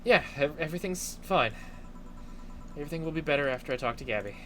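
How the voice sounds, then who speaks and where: A man's voice: on the high side, expressive, fast, a bit bright. A man voicing an anxious, irritable young woman bartender in a game, with a stammering, dramatic delivery. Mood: nervous. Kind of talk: hobby video game voice-over.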